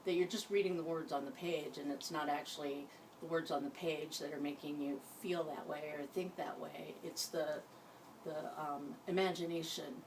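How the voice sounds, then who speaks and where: A woman leading an informal guided hypnosis session, giving gentle instructions in a halting way. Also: deep voice, fairly even intonation. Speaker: hypnosis practitioner. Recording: distant mic, faint background noise.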